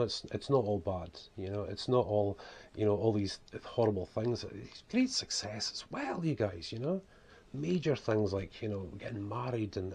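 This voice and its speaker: Scottish guy in his 40s, broad accent, lowish voice, rambling casual vlog chat. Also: darkish tone. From Scotland. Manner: rambling, frequent "you know". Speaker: vlogger and author. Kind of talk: unscripted casual talk to camera. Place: small home room, indoors.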